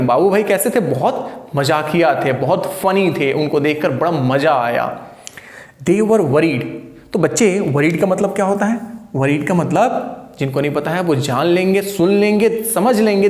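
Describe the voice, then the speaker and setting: A man teaches a video lesson with a slightly high voice. He talks in a chatty, coaxing way and keeps checking on his students. The sound carries a noticeable room echo. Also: lively intonation, moderate pace, a little mellow. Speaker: English teacher.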